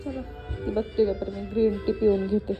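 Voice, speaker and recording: A young woman vlogging at home, switching between sing-song baby talk to her toddler and calmer asides to viewers. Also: mid-range voice, normal speed, roomy sound, highs cut off, over music. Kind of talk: casual family vlog, talking to a toddler and the camera.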